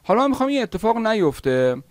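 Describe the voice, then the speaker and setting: A man teaching video editing software step by step in a screen-recorded tutorial, pausing often with "uh" as he explains. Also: sits high, very animated, no echo. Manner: step-by-step explaining, with frequent "uh" pauses.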